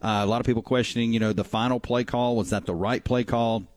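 A man's voice: medium pitch, fairly even intonation, fast talker, a little mellow, no echo. A man hosting conversational sports talk on radio, close on a studio microphone. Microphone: dry studio microphone.

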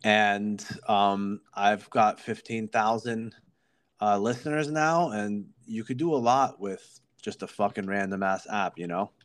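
A man's voice: on the low side, a little slow. A man hosting a podcast in an informal, sweary way, talking up his guest in casual chat. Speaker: podcast host.

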